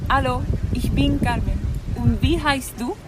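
Woman, slightly high, slow and careful student dialogue over loud noise. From Spain. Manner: slow, careful learner speech. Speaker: language student. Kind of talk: scripted classroom dialogue.

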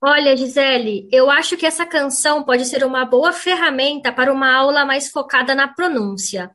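A woman teacher on a radio program, clearly and didactically explaining pronunciation and saying example words aloud. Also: high-pitched, moderate pace, sharp tone. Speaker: language teacher.

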